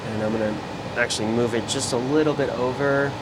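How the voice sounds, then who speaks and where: Here a male repair technician with a mid-range voice talks briskly, describing his actions casually as he works through an electronics fix one step at a time. The clip carries a constant fan-like noise.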